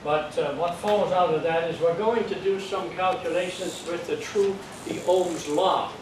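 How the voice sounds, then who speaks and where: His voice a bit high for a man and his pace moderate, an older man from the Netherlands with a Dutch accent gives a classroom lecture on electronics as an amateur radio course instructor. He's plain and patient, working step by step, joking and checking in with the room. A distant mic in a very echoey room picks up noticeable hiss.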